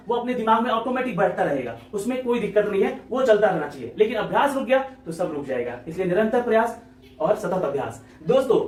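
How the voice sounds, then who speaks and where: A man teaching an exam-prep lecture, talking quickly and repetitively, often checking in with his listeners. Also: sits high, reverberant, recorded from a distance.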